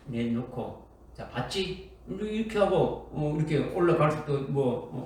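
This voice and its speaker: A man's voice: medium pitch, darkish tone, slight background noise. A man preaching a sermon as pastor. He keeps questioning the congregation and checks with them after nearly every point. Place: church sanctuary. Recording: echoey, from far off in a church hall.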